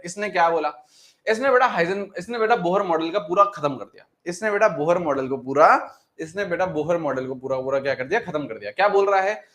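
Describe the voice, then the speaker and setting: Casting: male chemistry tutor, slightly high voice, repeats lines, live online class. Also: a bit bright. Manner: addresses students as beta, repeats every phrase, dictates notes slowly. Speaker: chemistry teacher.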